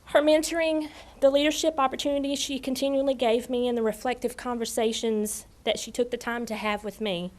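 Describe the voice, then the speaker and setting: A woman's voice: fairly high pitch, fairly even intonation, brisk, few pauses. A woman with a Tennessee accent giving an earnest, formal prepared thank-you speech as a new assistant principal. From Tennessee, United States. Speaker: newly appointed assistant principal.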